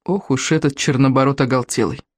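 An audiobook narrator reading a children's adventure story with lively, expressive storytelling. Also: mid-range voice, fairly quick, no room sound, studio quality.

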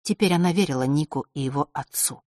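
A woman reading a fantasy novel aloud in a steady, expressive way. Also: low voice, quick pace, no room sound, studio quality. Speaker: audiobook narrator. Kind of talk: scripted fantasy narration.

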